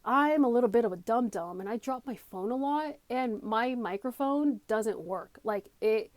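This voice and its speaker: In a small, cramped room, a woman who coaches comedy and makes videos gives a casual, unscripted tutorial, chatty, emphatic, and self-deprecating. Her slightly high voice has lively intonation at normal speed, recorded dry on a wired or phone headphone mic.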